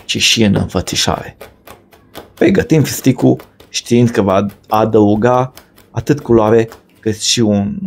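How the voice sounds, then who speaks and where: A man giving a measured, ornate, scripted voice-over for a cooking video. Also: fairly low pitch, a little mellow. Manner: measured, ornate storytelling delivery. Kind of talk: scripted poetic voice-over narration.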